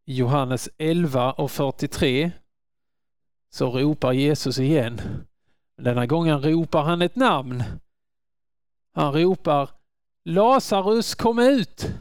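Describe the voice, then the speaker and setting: A man preaching a sermon in an earnest manner, rising to loud calls when quoting. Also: medium pitch, long pauses, clean tone, no room sound, clean studio sound.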